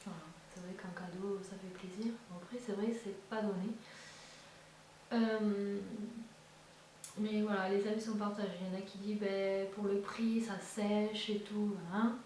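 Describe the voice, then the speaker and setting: A woman's voice: mid-range voice, level tone, measured pace, darkish tone. Woman, casual beauty chat, hesitant, hollow room echo, faint hiss. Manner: hesitant, many fillers and restarts. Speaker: beauty vlogger. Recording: echoey room, far from the mic, faint hiss.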